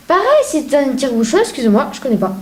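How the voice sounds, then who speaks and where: A woman's voice: high-pitched, animated, fast. A woman acting a gossipy, griping friend in a comic sketch. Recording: echoey room with faint noise.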